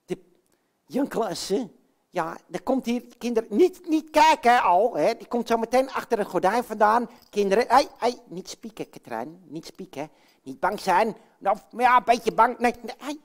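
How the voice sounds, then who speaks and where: A boisterous puppet husband, played by a woman, with a Dutch accent, swinging his voice up and down as he chats to the children. He is blustery and bossy, and his pitch sits a little high for a man. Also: expressive, normal speed. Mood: excited. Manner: blustery, chatty, talks to the children. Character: Jan Klaassen, boisterous male puppet man.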